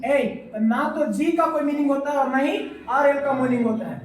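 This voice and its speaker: A woman's voice: high-pitched, moderate pace, slight background noise. Echoey classroom teacher, a woman. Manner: repeats points as questions to the class; mixes Hindi and English phrases. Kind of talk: classroom grammar lesson. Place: classroom with students. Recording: echoey room, voice from far off.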